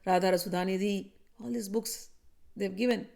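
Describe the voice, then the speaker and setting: A woman's voice: medium pitch, fairly even intonation, moderate pace, vocal fry, darkish tone. A woman leading a devotional satsang, telling a sacred story vividly and talking directly to her listeners. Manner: vivid storytelling, acts out characters' voices; speaks directly to listeners, conversational asides. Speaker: spiritual teacher leading a satsang.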